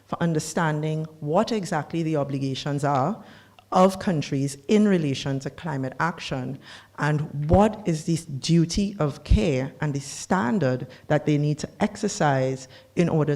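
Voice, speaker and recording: A policy speaker lays out a formal climate briefing at a slow, unhurried pace. The delivery is measured and deliberate, and the voice sits at an ordinary middle pitch. Now and then a dry aside slips in. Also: expressive, a little mellow.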